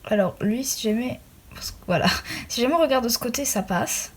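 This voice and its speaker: A young woman with a slightly high, expressive, husky voice talks a little fast as she shows off the handmade doll accessories she crafts as a hobby. She chats casually and self-deprecatingly in a show-and-tell, on a noisy home recording with clicks.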